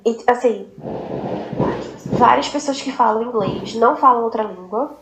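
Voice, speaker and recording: A woman with a Pernambuco Brazilian accent, a language teacher talking as a podcast guest, explaining in an animated, emphatic way while thinking aloud. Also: a little high, measured pace, very noisy. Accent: Pernambuco Brazilian Portuguese. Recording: echoey room.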